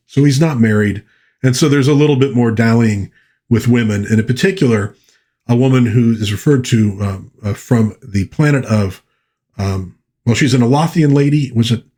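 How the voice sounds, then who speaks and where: A man with a mid-range, darkish voice hosts a pop culture channel, casually reviewing old pulp fiction for viewers. As an enthusiastic fan he rambles conversationally, often correcting himself, and reads short passages aloud.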